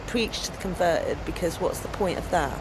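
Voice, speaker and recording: At a moderate pace, an English activist and storyteller tells lively stories in a casual outdoor interview, her fairly low voice big, strong and loud. Noise fills the background.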